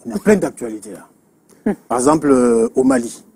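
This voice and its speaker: A man's voice: medium pitch, very animated, normal speed, darkish tone, a little hiss or hum. A man interviewing a guest in a casual chat, prompting with short replies.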